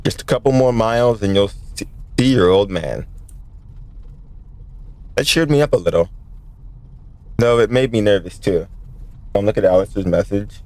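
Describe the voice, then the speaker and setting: A man's voice: lowish voice, normal speed, pauses often, darkish tone, no echo. A man streaming a visual novel, joking and chatting with his viewers as he reads. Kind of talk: casual let's-play commentary.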